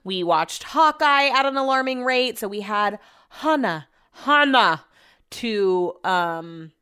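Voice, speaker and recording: A woman's voice: a little high, lively intonation, slow, bright, forceful tone, clear, resonant tone. A woman in her thirties talking casually in a vlog, rambling and chatty, swearing freely. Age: 30s. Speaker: vlogger.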